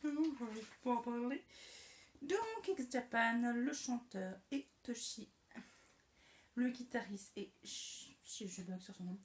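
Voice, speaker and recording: A woman's voice: a little high, measured pace, a little mellow. A young woman vlogging casually to camera, chatty and self-mocking, stumbling over names and muttering to herself as she fidgets. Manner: fidgets and moves around on camera. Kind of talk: casual talking-head vlog. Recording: echoey room, faint hiss.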